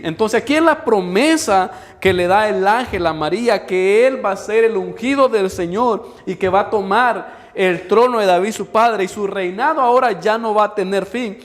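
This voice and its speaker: High-voiced male preacher in a reverberant hall. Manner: teaching, quizzes the listeners and has them repeat words; slows down when reading scripture aloud. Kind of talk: sermon to a congregation.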